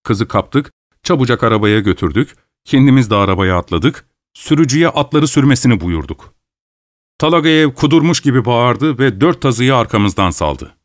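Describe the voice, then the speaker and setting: A man narrates a novel in a steady, measured reading voice of middling pitch. The sound is dry and close, with no room around it. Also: no room sound. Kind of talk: audiobook narration.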